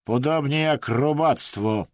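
A man's voice: mid-range voice, takes it slowly, no room sound, studio quality, pitched above the performer's own voice, close to an everyday voice. A man voicing a dispassionate, irritable male scholar in an audiobook. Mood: irritated. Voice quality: flat, dispassionate.

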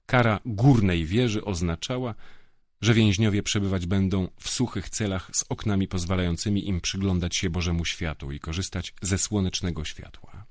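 A man narrating a first-person fantasy audiobook in a measured, dryly ironic manner. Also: low voice, fairly even intonation, no echo.

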